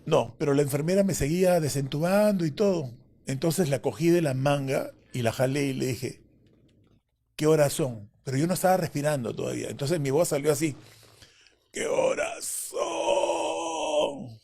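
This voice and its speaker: A man's voice: a little high, brisk, creaky, warm tone. A man as an interview guest, telling a personal story vividly and acting out the voices of others.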